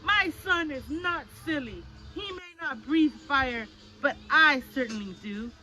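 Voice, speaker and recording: A woman voicing a proud, hot-tempered father dragon from a storybook, loud and indignant. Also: high-pitched, animated, unhurried, pitched above the performer's own voice, heavily acted. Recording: dull lo-fi audio with music behind.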